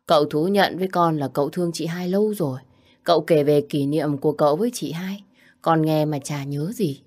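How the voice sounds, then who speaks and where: A woman's voice: low-pitched, brisk, darkish tone. A woman voicing a cheeky, talkative teenage younger brother with a playful, teasing manner in a spoken story. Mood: chatty.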